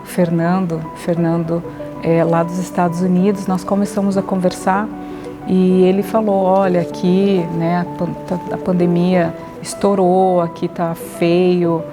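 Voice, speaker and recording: A woman in her forties speaks with a Brazilian accent in a lowish, flat voice. She speaks hesitantly with many fillers, as a public health official in a documentary interview. Music is clearly heard beneath her. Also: a little slow. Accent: Brazilian Portuguese. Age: 40s.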